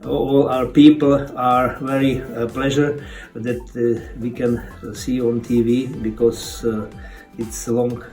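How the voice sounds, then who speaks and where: A man from Slovakia answering in broken English, pausing often with fillers. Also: medium pitch, flat delivery, a little mellow, faint music behind. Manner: hesitant, many fillers and broken phrases. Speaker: interviewee.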